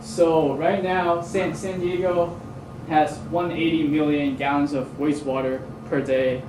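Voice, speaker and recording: A man's voice: a little high, little pitch movement, a little slow. A young man, giving a student presentation to a community group in a hesitant way, with many fillers and restarts. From Hong Kong. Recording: roomy, distant mic, noisy.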